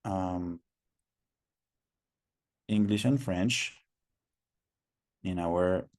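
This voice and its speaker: Man, webinar host, unhurried, lowish voice, patient, repeats himself, video call. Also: darkish tone, slight background noise. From Mexico. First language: Spanish. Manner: patient, repeats instructions, many fillers. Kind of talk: online webinar moderation.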